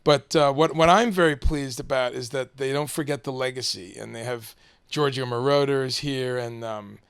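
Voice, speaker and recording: A man's voice: medium pitch, normal speed, vocal fry, clear, resonant tone. A man interviewing someone casually on camera, rambling and hesitant as he sets up his questions.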